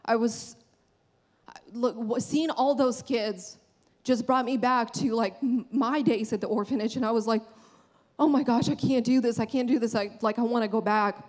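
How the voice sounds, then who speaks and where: A woman's voice: a little high, steady tone, normal speed, darkish tone. Earnest young woman preaching to a church. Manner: earnest, conversational, with frequent restarts. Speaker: church speaker. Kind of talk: sermon. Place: large church stage, indoors. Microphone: handheld microphone.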